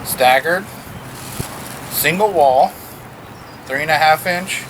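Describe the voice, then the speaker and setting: Outdoors in strong wind, a man with a rather high voice talks slowly through a casual, playful car vlog about unboxing and car modifications, adding informal showman-like asides. Loud wind noise hits the microphone.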